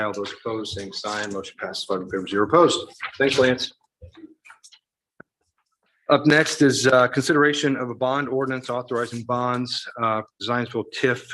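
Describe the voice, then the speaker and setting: A man chairing a town council meeting, rattling off motions and vote calls in quick succession. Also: mid-range voice, fairly even intonation, a bit bright, a little hiss or hum, poor audio.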